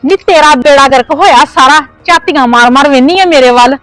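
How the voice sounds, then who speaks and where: A woman playing a shrill scolding mother-in-law. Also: fairly quick, a bit bright, no echo, soft background music, poor audio. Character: scolding quarrelsome mother-in-law, shut out of the house. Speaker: actor. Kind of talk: village family drama acting.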